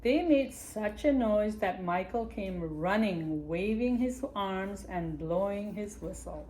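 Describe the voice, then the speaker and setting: A woman reads a children's picture book aloud in an unhurried, storytime manner, pausing now and then to address young listeners. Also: medium pitch, expressive, darkish tone, a little hiss or hum, low-quality recording. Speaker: library storytime reader.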